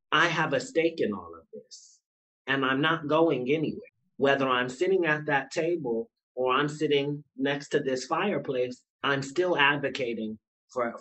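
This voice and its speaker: A man's voice: mid-range voice, a bit bright, slightly rough, poor audio. A man who runs a nonprofit and is running for school board, speaking earnestly and building to emphatic points in a casual panel chat beside a fireplace. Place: indoor room beside a fireplace.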